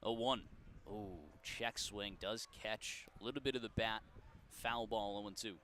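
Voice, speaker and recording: A man calling baseball play-by-play in a folksy, joking way, and he gets loud when the big plays come. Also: lowish voice, fairly even intonation, measured pace, slight background noise. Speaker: play-by-play announcer.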